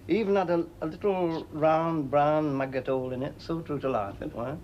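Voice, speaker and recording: A man's voice: fairly high pitch, moderate pace, highs cut off, slight background noise, close to an everyday voice. An actor playing a blunt, scornful middle-aged miner father. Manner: blunt, scornful, grumbling with dry laughs.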